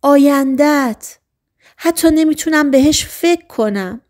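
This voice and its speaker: A woman voicing an emotional, upset teenage girl in an audiobook, with high, agitated outbursts. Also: vocal fry, darkish tone, slightly rough. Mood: distressed.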